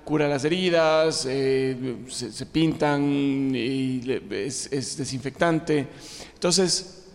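A man's voice: mid-range voice, takes it slowly. A man from Ecuador in his forties, an illustrator giving a humorous talk to a live audience, joking and self-deprecating, with frequent fillers and restarts. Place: large hall with an audience. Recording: long hall reverb.

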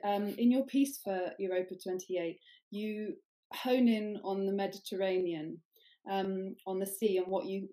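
A woman chairs a panel, asking long, thoughtful questions that wander through small hesitations and fillers. Her voice is mellow and warm, at a middle pitch for a woman. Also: rough recording. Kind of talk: moderating a panel discussion.

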